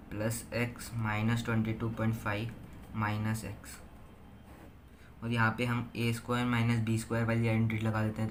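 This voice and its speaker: A teenage boy tutoring, working through a physics problem step by step and reading each number out slowly. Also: lowish voice, a little hiss or hum. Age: teens. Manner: slow, step-by-step, reads numbers out one by one. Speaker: student tutor.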